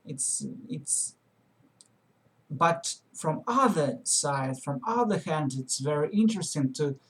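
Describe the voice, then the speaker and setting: Slow-talking Russian-accented man. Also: on the high side, lively intonation. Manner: halting, many fillers and restarts. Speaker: English learning vlogger. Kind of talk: casual lesson to webcam. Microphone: webcam.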